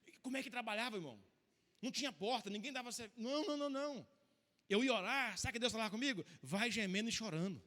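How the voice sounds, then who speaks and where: A Brazilian pastor preaching a sermon, telling his own story with emotional, emphatic swings in volume. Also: very high voice. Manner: emotional storytelling preacher, rising to loud, slow emphatic lines. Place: church hall. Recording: long church-hall reverb.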